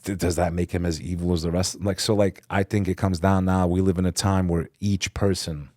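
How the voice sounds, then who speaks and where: A man's voice: low-pitched, level tone, brisk, a little mellow, dry recording, clean studio sound. A man from Texas, a podcast guest talking earnestly and lecturing on history in casual conversation.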